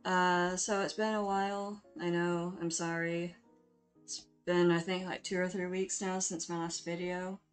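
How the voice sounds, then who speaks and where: A woman's voice: on the low side, flat delivery, a little slow. A woman giving a chatty, informal voice-over for her video, speaking in a hesitant, apologetic, self-deprecating way. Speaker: video creator hosting a drawing speedpaint. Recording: music playing behind the voice. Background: background music.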